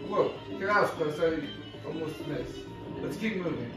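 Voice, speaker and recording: A man with a high voice giving casual play-by-play over game music, calling out each move in short bursts. He sounds far from the mic in a very echoey room. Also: expressive, normal speed. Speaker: gameplay commentator.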